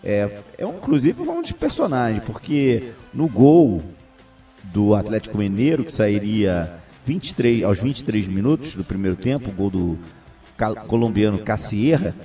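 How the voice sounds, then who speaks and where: A Brazilian man giving unscripted football analysis in a halting way, repeating words as he recaps. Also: fairly low pitch, big pitch swings, warm tone, distant mic, faint music behind.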